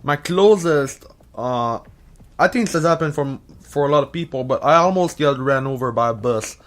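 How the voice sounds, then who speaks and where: In a medium-pitched voice at normal speed, a young man with a partly Americanized Quebec French accent works through Reddit questions for his YouTube vlog. It's a casual, rambling talk. He swears freely, fills gaps with "uh," and often starts over.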